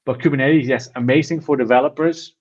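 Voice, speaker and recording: A man's voice: medium pitch, fairly even intonation, a little fast, darkish tone. A man co-hosting a casual tech chat, talking enthusiastically and rambling with restarts. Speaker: podcast co-host. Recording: slightly dull lo-fi sound.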